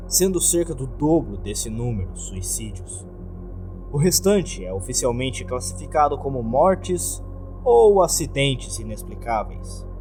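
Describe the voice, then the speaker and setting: A Brazilian man with a medium-pitched voice plays a gloomy yet courteous hotel keeper in a scripted horror narration. His delivery is formal and measured, with music running beneath the voice.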